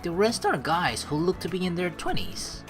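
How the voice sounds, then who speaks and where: A woman gamer with a low, lively, bright voice hosts a let's play at a moderate pace. She chats informally and wanders into asides, mixing game commentary with reading the story text aloud. Game music plays behind her.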